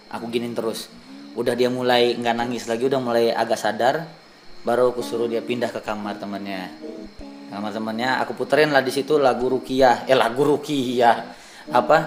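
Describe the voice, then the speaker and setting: A young man from Indonesia tells a ghost story in a casual vlog, pitch sitting in the middle. He acts out the quoted voices as he goes. Faint music plays behind him. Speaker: vlogger.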